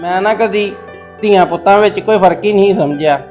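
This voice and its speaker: A man's voice: very high-pitched, fast, a bit bright, reverberant, soft background music. A man playing a proud, stern village father who scolds his grown daughters harshly. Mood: bitter. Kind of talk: domestic drama acting.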